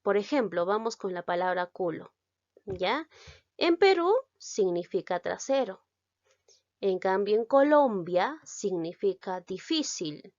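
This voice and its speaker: A woman from Peru with a Peruvian Spanish accent, teaching a recorded lesson, explaining slowly and carefully and checking in with the listener. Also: mid-range voice, lively intonation, a little mellow, no room sound, dull audio.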